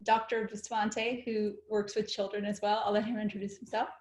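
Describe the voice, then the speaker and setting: A woman's voice: mid-range voice, level tone, brisk, darkish tone. A woman who works as a social worker, introducing herself on a webinar over a video call in a friendly, conversational way. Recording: echoey room on a video call.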